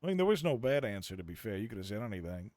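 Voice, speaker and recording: A man's voice: fairly low pitch, very animated, racing, a little mellow, no echo, clean studio sound. Man playing a folksy Old West California storyteller. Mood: probing, approving. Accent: American. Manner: folksy, theatrical, repeats phrases for emphasis. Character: Old West California drifter, outlaw's son, reflective storyteller. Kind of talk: improvised Western role-play.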